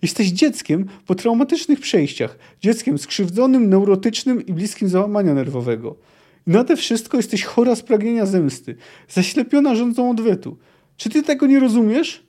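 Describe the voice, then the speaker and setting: A man's voice: high-pitched, big pitch swings, normal speed, dark tone. A man playing a stern old scholar-hermit. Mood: stern lecturing. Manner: lecturing and sarcastic.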